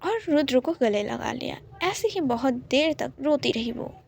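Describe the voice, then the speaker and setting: A woman narrating a romance story in a calm, soft-spoken way. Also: high voice, a little slow, creaky, slight background noise.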